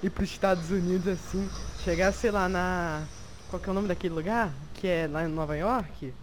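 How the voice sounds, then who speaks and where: A young adult with a Brazilian Portuguese accent chatting casually in slang, telling stories in an animated way and acting out quotes. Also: mid-range voice, moderate pace, a little hiss or hum. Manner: animated storyteller, acts out quotes.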